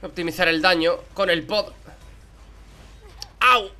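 A young man from Spain with a Spanish accent, giving excitable Let's Play commentary and swearing in surprise as he plays. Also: fairly high pitch, normal speed. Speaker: gaming YouTuber. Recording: game music behind.

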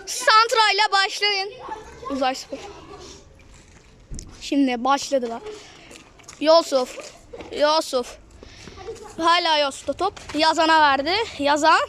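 A child with a very high, bright voice calls a football game as a screaming commentator. The calls are drawn out and repeat players' names, over a faintly noisy amateur pitch-side recording. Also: takes it slowly, long pauses. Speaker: match commentator. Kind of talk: excited football match commentary, shouted at goals.

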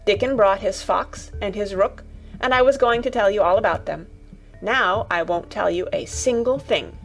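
A woman voicing a stubborn, sour-tempered young girl in a storybook reading, with fierce, sharp retorts. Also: mid-range voice, moderate pace, faint music behind, close to an everyday voice, rough recording.

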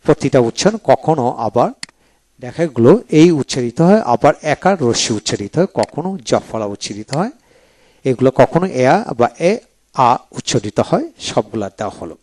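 A man giving a video lecture on English pronunciation, going through a book chapter by chapter and repeating example words slowly. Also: medium pitch, sing-song, a little mellow. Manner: explains step by step, repeats example words slowly, often says "then come".

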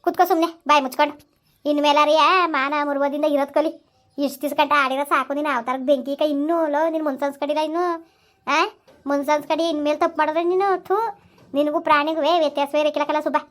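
A woman's voice: high-pitched, level tone, quick pace, close to an everyday voice. A woman voicing an elderly village aunt who scolds and lectures sharply in a comedy skit. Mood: lecturing.

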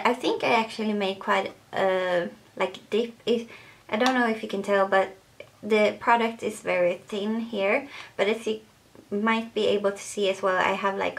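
A young Swedish-accented beauty vlogger talks casually to camera in a mid-range voice. She sounds hesitant and uses lots of fillers.

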